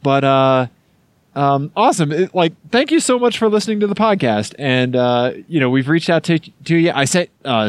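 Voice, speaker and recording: A man's voice: a little high, dry recording. Casual podcast guy with a Missouri twang. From Missouri, United States. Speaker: podcast co-host. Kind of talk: casual chat.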